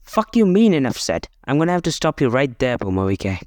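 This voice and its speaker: A man's voice: mid-range voice, very animated, brisk, a little mellow, a little hiss or hum. A man giving a casual, brash, profane rant as a guest commentator.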